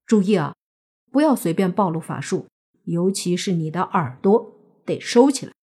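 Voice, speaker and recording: A woman voicing a kind, easygoing young man who has become a zombie, in a relaxed, plain-spoken way. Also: lowish voice, moderate pace, breathy edge.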